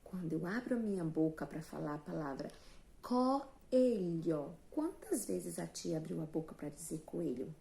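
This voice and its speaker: A woman's voice: deep voice, animated, a little fast, gravelly, few pauses, dark tone. A Brazilian woman teaching young children, explaining patiently and spelling out words one syllable at a time. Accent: Brazilian Portuguese. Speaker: primary school teacher. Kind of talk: slow, sing-song online class for young children.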